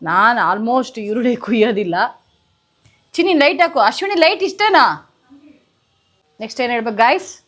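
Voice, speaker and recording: A woman's voice: on the high side, lively intonation, moderate pace, long pauses, a bit bright. Chatty woman teasing a child. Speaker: cooking vlog host. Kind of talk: casual chat to viewers.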